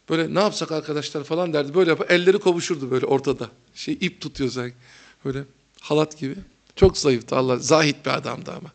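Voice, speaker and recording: A man's voice: a little high, creaky. A middle-aged man preaching a religious lecture, chatting with humor to his audience and building to fervent emphasis.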